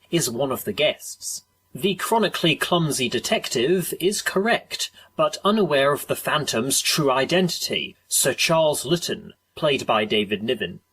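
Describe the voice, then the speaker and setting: A man's voice: mid-range voice, fairly bright tone, husky, poor audio. A man reading scripted documentary narration as the narrator.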